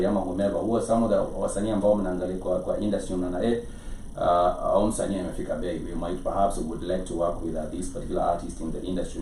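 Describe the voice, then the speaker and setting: A Kenyan man interviews guests in a wordy, conversational way, switching between English and Swahili. His voice is mellow and speeds along, picked up at a distance in an echoing room with faint noise. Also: low-pitched. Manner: wordy, repeats himself, mixes English and Swahili. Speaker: interviewer, show host.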